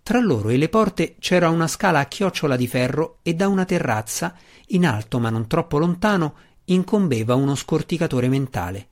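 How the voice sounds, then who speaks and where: A man reading a fantasy novel aloud as an audiobook narrator, in a steady, measured way. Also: on the high side.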